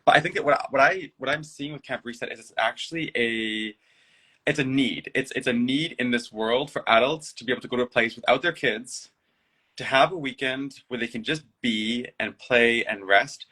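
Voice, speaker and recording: A man's voice: mid-range voice, moderate pace, pushed and bright, slightly rough. A man who is a guest and play designer in a casual conversation, talking in a reflective and playful way. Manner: reflective, playful, breaks into silly acted-out voices.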